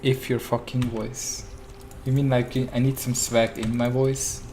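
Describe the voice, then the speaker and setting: A man calmly commentating his own live strategy game, in a mellow, flat, laid-back voice, chatting and often laughing. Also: mid-range voice, a little slow. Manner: mellow, flat monotone delivery. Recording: noisy with keyboard clatter. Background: keyboard typing and mouse clicks.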